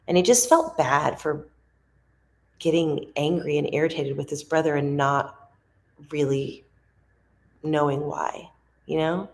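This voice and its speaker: A woman vlogs from a resort, talking in a rambling, heartfelt way. Her voice sits low with a gravelly edge. She takes her time, drifting from thought to thought. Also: measured pace, long pauses, darkish tone. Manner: rambling, heartfelt, searching for words. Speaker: vlogger and mom. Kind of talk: casual reflective vlog talk. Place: at a resort on vacation.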